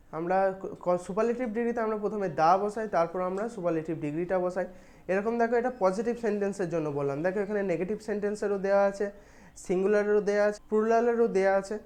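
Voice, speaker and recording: A young woman with a Bengali accent teaching an exam-prep grammar lesson. She explains patiently, speaks straight to her students and reads English examples slowly. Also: medium pitch, darkish tone.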